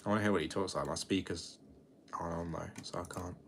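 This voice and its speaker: Very low-voiced young British man. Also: steady tone, fast talker, gravelly, a bit bright, a little hiss or hum. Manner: chatty, rambling, low-key, often restarts sentences. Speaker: livestream host. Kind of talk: casual late-night livestream chat.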